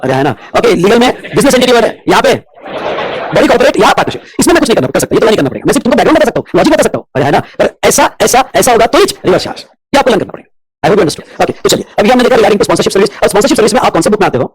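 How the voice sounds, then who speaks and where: A man lecturing students on tax law at a breakneck clip. His voice sits high and sounds husky, with a dry, close sound. He keeps stopping to ask whether the class has understood. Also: sing-song, no room sound. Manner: rapid mix of Hindi and English, constantly checking whether students follow. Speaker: commerce teacher.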